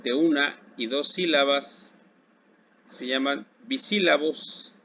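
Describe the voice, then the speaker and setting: A man with a Mexican accent teaching a recorded Spanish lesson to secondary school students. He speaks slowly and deliberately, asking a question and then answering it himself. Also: mid-range voice, sharp tone. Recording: dull lo-fi recording with faint background hiss.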